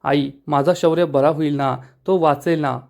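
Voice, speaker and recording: A man's voice: on the high side, fairly even intonation, moderate pace, gravelly, a little mellow. A man voicing a distraught young woman who blames herself and pleads tearfully. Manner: pleading, crying.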